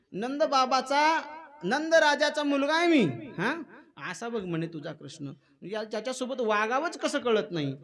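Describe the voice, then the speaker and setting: A man preaching a devotional kirtan, telling the story in an animated way and acting out the quoted voices. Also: high-pitched. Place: temple hall. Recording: live kirtan with music behind.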